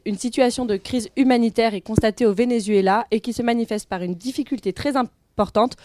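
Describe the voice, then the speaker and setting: A young woman presenting on student radio, reading an explanatory segment in a steady, informative way. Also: fairly high pitch, no echo.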